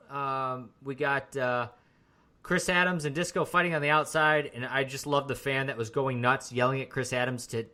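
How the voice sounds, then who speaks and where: A man with a bright, clear-edged voice co-hosts a casual wrestling podcast. He recaps scenes loosely, piling on fillers as he goes. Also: medium pitch. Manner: relaxed, rambling recap with frequent fillers. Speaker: podcast co-host.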